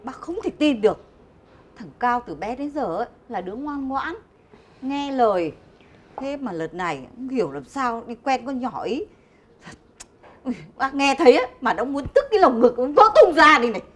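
A woman's voice: expressive, normal speed. An actress playing a scornful, hot-tempered middle-aged mother who scolds and insults. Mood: complaining. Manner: scolding, insulting, shrill shouting. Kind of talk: web drama acting.

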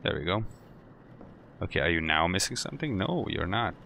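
Deep gravelly man swearing through a game. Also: very animated, brisk, pushed and bright, a little hiss or hum. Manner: jumpy, swearing, talking to himself and the game. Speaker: gaming channel host. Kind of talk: let's play commentary.

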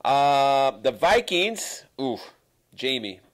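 A man's voice: mid-range voice, big pitch swings, very slow. A man hosting a casual sports recap, chatty and jokey, often correcting himself. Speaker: host.

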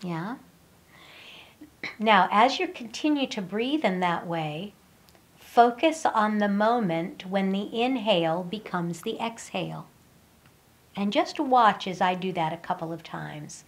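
A woman voice coach leading a guided breathing lesson, speaking in a slow, calm, instructional way. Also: medium pitch.

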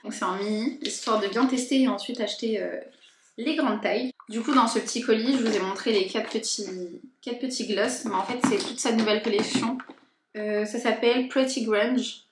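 A woman's voice: a little high, steady tone, normal speed, noisy background. A young woman chatting casually in a haul and unboxing vlog, informally and hesitantly, thinking aloud as she goes. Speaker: lifestyle and beauty vlogger. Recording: echoey room.

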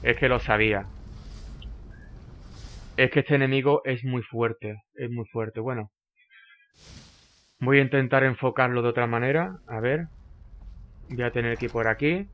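A man talks through his own gameplay as it happens, at a mid pitch. He gets excitable and fires off the same short phrases again and again when things turn tense. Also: measured pace, long pauses, muffled recording. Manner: excitable, frequently repeating short phrases under pressure. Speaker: gameplay commentator. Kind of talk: live gameplay commentary.

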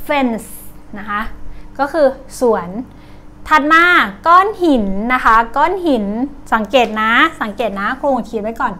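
A woman teaching English words to children, with a Thai accent, saying each word slowly over and over. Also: a little high, fairly bright tone. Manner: slow, drawn-out repetition of each word. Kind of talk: vocabulary lesson for children.

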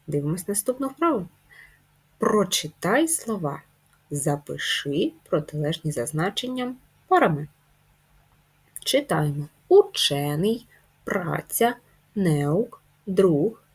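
Woman teacher, very husky, lively voice. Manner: slow, deliberate dictation with sudden high rises on key words. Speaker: primary school teacher. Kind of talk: video lesson for young children.

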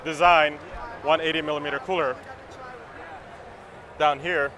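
Speaking a little slowly, the same earnest, agreeable man in his thirties walks through his product at a trade show booth, repeating words as he explains. His higher voice sounds bright and forceful with fairly even intonation, captured on a handheld camera mic held close on the busy indoor expo floor.

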